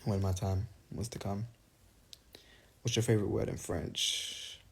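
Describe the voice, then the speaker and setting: A man's voice: fairly low pitch, fairly even intonation, measured pace, slightly rough. Young man chatting on a phone livestream. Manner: reads fan questions aloud, rambling and playful. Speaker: singer answering fans on a livestream. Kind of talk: casual livestream Q&A.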